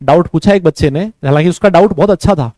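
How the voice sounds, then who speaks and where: High-voiced male teacher with a chatty, coaxing manner. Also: fast, no room sound. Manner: tags nearly every sentence with a checking question, coaxes students to answer; lively, joking teacher banter. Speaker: school chemistry teacher. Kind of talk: classroom lecture.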